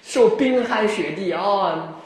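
A man voicing an angry young cowherd boy who shouts indignant complaints at his friends. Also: sits high, animated, slow pace. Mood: furious. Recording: very echoey room.

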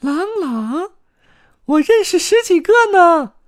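A man voicing an excited young girl, very high and shouting. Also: slow pace, no room sound, clean studio sound, exaggerated voice.

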